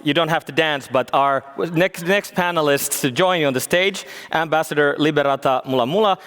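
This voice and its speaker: A man's voice: a little high, fairly quick, a bit bright, clean tone. A man serving as master of ceremonies at a live event, upbeat and jovial. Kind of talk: event hosting. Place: large concert hall stage, live event. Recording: long reverb of a large hall.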